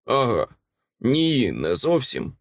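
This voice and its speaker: A man voicing a calm, patient grown man who talks mildly and hesitantly. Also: medium pitch, takes it slowly, gravelly, dry recording, studio quality, exaggerated voice.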